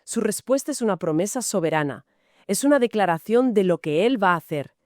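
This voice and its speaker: A woman's voice: mid-range voice, lively intonation, fairly quick, a little mellow, no echo, studio quality. A woman from Spain co-hosting a Bible study podcast, asking and clarifying points. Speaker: podcast co-host.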